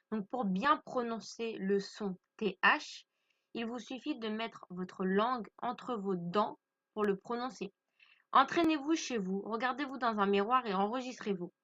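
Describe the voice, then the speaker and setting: A woman's voice: mid-range voice, fairly bright tone, lo-fi sound. A woman from France teaching English grammar to French speakers, patiently stressing pronunciation and repeating each point.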